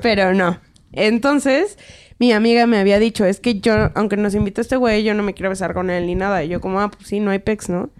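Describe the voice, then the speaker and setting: A woman's voice: mid-range voice, a little fast, smooth. A young woman with a Mexican accent, telling a story in casual podcast chat, acting out quotes and laughing often.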